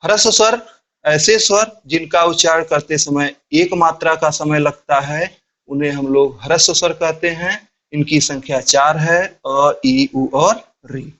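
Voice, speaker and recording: A man with a high voice teaches a grammar lesson. He explains each point slowly and deliberately, step by step, and keeps asking his class questions that he then answers himself. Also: steady tone, a bit bright.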